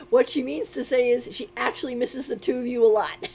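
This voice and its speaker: A woman's voice: on the high side, steady tone, normal speed, vocal fry, a little mellow, slightly rough. A woman streamer giving casual commentary while playing a game, giggly and playful, mimicking the characters.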